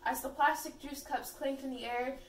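A woman's voice: high voice, fairly even intonation, normal speed. Giggly girl reading aloud, echoey room. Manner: giggly, breaks into laughter while reading. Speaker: fanfiction reader. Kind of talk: casual group reading of fan fiction. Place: room at a birthday party. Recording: echoey room, far from the mic, faint noise.

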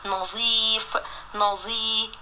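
A woman with an Egyptian accent teaching a recorded primary-school Arabic lesson, drawing words out slowly to sound them out and praising her pupils. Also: on the high side, little pitch movement, pushed and bright, a little hiss or hum.

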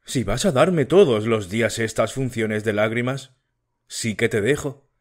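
A man's voice: medium pitch, measured pace, close to an everyday voice. A man voicing an evasive, brusque young suitor in an audiobook. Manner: curt, dismissive. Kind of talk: audiobook character reading.

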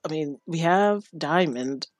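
A chatty woman talks through her game with a lowish, dry voice. She giggles often and speaks to her character as she plays. The sound is close and dry, with no room around it. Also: animated, slow pace, no room sound. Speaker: gamer. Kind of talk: casual gameplay commentary.

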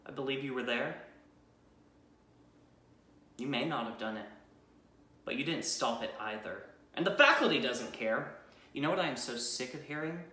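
Young guy acting hurt angry bullied high school boy, dramatic monologue, sharp bright voice, echoey room. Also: animated, moderate pace, long pauses. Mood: bitter sarcasm. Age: young adult. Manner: anguished, accusing, swinging from outburst to quiet. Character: bitter, wounded bullied high school boy confronting a classmate. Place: small plain-walled room indoors. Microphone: camera a few metres away. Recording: echoey room, mic at a distance.

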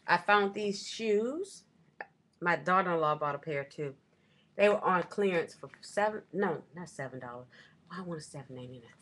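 A middle-aged woman with a low voice talks casually into a desk webcam at home. She rambles through her shopping haul, stopping to correct herself on prices. The talk is loose and chatty. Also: expressive, normal speed, a bit bright. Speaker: vlogger. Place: small room at home, indoors.

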